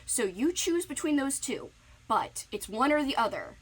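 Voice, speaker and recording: A woman's voice: sits high, sing-song, normal speed, breathy edge, poor audio. A woman booktuber giving playful, giggly book recommendations in a casual recorded message.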